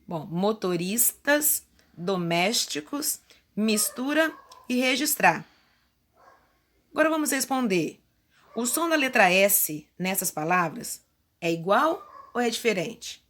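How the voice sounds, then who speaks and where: A woman's voice: medium pitch, expressive, normal speed, fairly bright tone. Woman, primary school teacher, patient, step-by-step explanations, remote lesson. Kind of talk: remote lesson, correcting workbook exercises.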